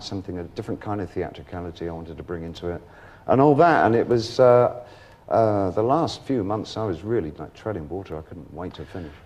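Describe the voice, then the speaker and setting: A middle-aged man talking as a guest on a television talk show, telling lively anecdotes, laughing often and acting out other people's voices. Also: fairly low pitch. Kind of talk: casual anecdotal interview chat.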